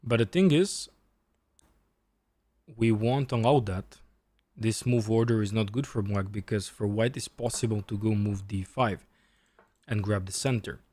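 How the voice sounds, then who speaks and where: Casual livestream chatter and chess commentary come from a man in his twenties who tends to repeat short phrases. His voice is on the low side, a little mellow, and he takes his time.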